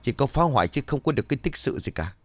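A man doing a gruff, scolding old clan elder. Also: mid-range voice, very animated, fast, no echo, pitched above the performer's own voice. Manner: scolding, grumbling.

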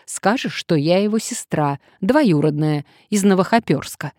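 A woman's voice: fairly low pitch, animated, measured pace, darkish tone, no echo, studio quality. A woman reading an audiobook, voicing a pushy woman sleuth who barks orders in a commanding tone. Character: determined, bossy woman sleuth, middle-aged.

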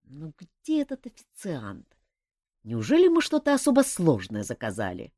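A woman's voice: low-pitched, huge pitch swings, moderate pace, mellow, no room sound, studio quality, heavily acted. Woman doing a sardonic nervous mage.

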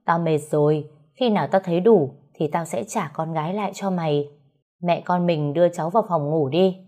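A woman voicing a domineering older mother-in-law who scolds and shouts with scorn. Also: on the low side, normal speed, natural voice. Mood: cold.

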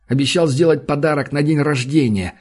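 A man voicing a desperate, furious young man who shouts and turns bitterly sarcastic. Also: medium pitch, moderate pace, husky, close to an everyday voice.

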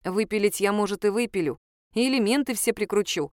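Wry, lively woman storyteller, dry sound. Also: mid-range voice, fairly quick, no room sound. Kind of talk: first-person story narration.

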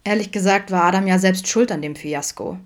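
A woman reading a fan fiction audiobook aloud in a steady storytelling manner. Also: mid-range voice, brisk. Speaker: audiobook reader.

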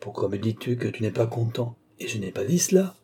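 A man's voice: mid-range voice, expressive, fairly quick, dark tone, slightly rough. A man reading a novel aloud, voicing an aging provincial baron who sounds fretful and pleading. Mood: protesting. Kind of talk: audiobook character reading.

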